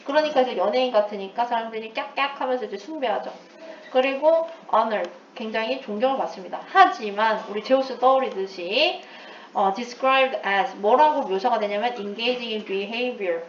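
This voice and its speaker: A woman's voice: a little high, far from the mic, slight background noise. A woman teacher giving an English lesson, explaining with playful asides and mixing in English terms. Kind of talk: recorded lecture. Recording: echoey room, away from the mic, dull lo-fi sound.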